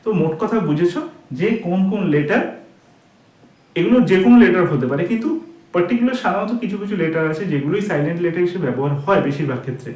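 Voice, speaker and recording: A man's voice: high voice, lively intonation, a little mellow. Patient man teaching children, echoey room. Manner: patient, repeats words slowly to drill pronunciation. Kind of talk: explaining a lesson to children.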